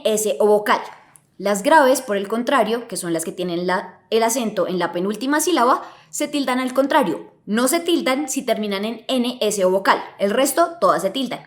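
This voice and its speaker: Patient teacherly woman explaining. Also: a little high. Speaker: educational psychology podcast host. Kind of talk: explanatory podcast lesson.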